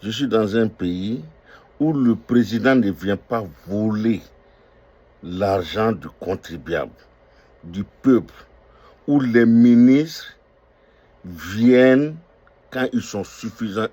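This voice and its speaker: Older guy ranting about politics, deep husky voice, lots of euh and repeating himself. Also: takes it slowly, long pauses, dark tone, muffled recording. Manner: emphatic, repetitive declarations with hesitant fillers. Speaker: restaurant owner speaking out on politics. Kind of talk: impassioned political monologue.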